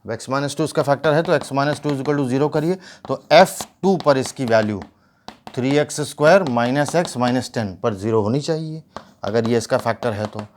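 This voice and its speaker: A man's voice: mid-range voice, normal speed, a little hiss or hum. A male math teacher, explaining steps and asking rhetorical questions. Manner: mixes English math terms into speech. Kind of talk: whiteboard math lesson.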